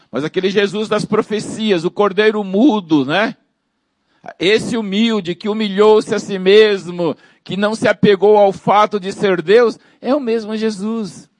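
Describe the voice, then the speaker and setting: A man's voice: high voice, no room sound. A man preaching a sermon emphatically, repeating phrases and calling out to the congregation.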